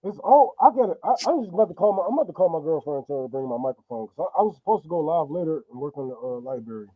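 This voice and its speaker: A man's voice: a little high, animated, rapid-fire. A man calling into a live stream, talking heatedly and rambling with many fillers, his voice muffled as if he were talking into a cup. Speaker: caller. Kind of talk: casual live-stream call-in. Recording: muffled phone-like computer mic.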